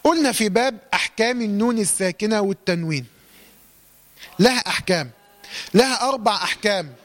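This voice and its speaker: High-voiced Egyptian man teaching recitation. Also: lively intonation, a bit bright. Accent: Egyptian Arabic. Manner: asks questions and answers them himself, drawn-out recited examples. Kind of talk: tajweed lesson.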